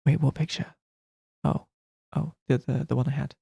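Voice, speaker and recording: A male streamer chats loosely and softly, drifting in and out of a half-whisper. His voice is breathy and husky with a gravelly edge. The sound is dry and close, with no room around it. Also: mid-range voice, steady tone, moderate pace, dry recording. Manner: half-whispered, soft-spoken, rambling with restarts. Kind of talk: casual live-stream chat while carving a pumpkin.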